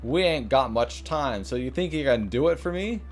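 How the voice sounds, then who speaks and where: A man's voice: mid-range voice, expressive, normal speed, soft background music, lightly acted. A man voicing a friendly, apologetic cowboy rancher from a video game, reading the lines in an exaggerated imitation cowboy accent. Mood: apologetic, hurried. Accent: exaggerated imitation cowboy drawl. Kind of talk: hammy video game dialogue read-aloud.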